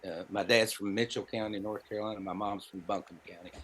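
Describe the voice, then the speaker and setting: Speaking fast with a fairly low, husky, slightly bright voice and fairly even intonation, this seventy-something podcast guest tells personal stories. He's a storyteller and songwriter from Appalachian Tennessee with a Southern Appalachian accent, and his delivery is folksy, wry, and dryly funny.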